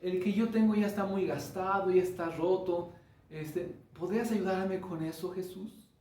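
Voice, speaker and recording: A man's voice: high voice, steady tone, normal speed, warm tone, natural voice. A preacher voicing Bartimeo, a poor blind beggar man who asks humbly for help, heard in an echoey room from far off. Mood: pleading. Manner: pleading, humble.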